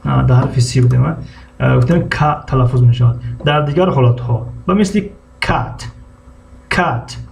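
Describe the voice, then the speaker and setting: A man with a Tajik accent teaching an English lesson, slowly spelling out letters and repeating each word several times for his students. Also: medium pitch, vocal fry, darkish tone, a little hiss or hum. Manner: slow, repeats words over and over for students. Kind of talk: classroom language lesson.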